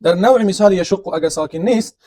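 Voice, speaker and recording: High-voiced male teacher. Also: warm tone, no room sound, studio quality. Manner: explains step by step, asks and answers his own questions. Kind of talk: classroom lecture on grammar.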